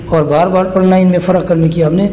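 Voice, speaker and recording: A man from Pakistan teaching a recorded lesson on reading Arabic letters, patient and slow as he draws out each letter sound. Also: high-pitched, steady tone, mellow, roomy sound, long reverb tail, a little hiss or hum.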